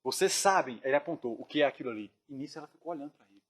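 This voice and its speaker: A man earnestly retelling a dream in casual storytelling, often dropping his voice to a hush. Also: mid-range voice, animated, very fast. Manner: earnest, drops to hushed tones when reliving tense moments. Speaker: dream narrator.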